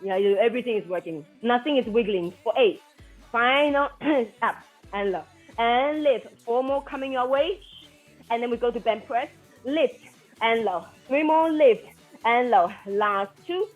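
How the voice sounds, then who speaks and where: Unhurried and animated, her voice on the high side, a woman cues a floor workout class as an aerobics instructor, counting and commanding in an encouraging, motivating way. Music plays behind the dull, lo-fi sound.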